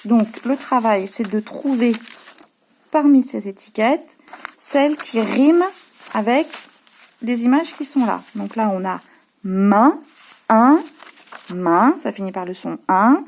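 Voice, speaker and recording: A woman's voice: a little high, expressive, a little slow, darkish tone, slight background noise. A woman teacher with a French accent, patiently explaining her pupils' home worksheets to parents, with many hesitations. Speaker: preschool teacher.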